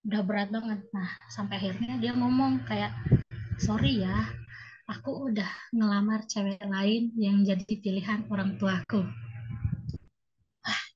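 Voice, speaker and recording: A young woman telling an emotional personal story in a halting, hesitant way, with many fillers. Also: mid-range voice, fairly even intonation, slight background noise. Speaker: guest sharing a personal story. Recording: muffled lo-fi call audio.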